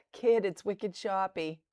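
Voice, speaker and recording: A middle-aged woman from the Boston area, with a light Boston accent, hosts a live day-trading stream, commenting as she trades. Her voice is medium-pitched and somewhat dark, recorded dry and at studio quality. She thinks aloud, restarting hesitantly and tossing in laughing asides.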